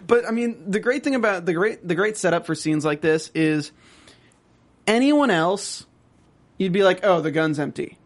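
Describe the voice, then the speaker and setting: A man's voice: high-pitched, a little slow. A man co-hosting a casual recap podcast, rambling and joking, often acting out characters as he retells scenes. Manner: rambling, animated storyteller who jokes and acts out characters. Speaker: podcast co-host.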